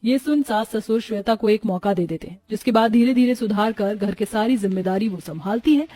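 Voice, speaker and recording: A woman narrating a children's bedtime story in a calm, even storytelling manner. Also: medium pitch, fairly quick, no echo.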